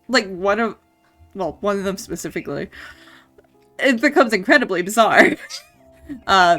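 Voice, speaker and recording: Drawing on stream, a young Scottish woman whose mixed accent sounds mostly Canadian chats loosely, full of ums, restarts and laughter as she rambles. She speaks at medium pitch with a fairly bright tone, and faint music plays in the background.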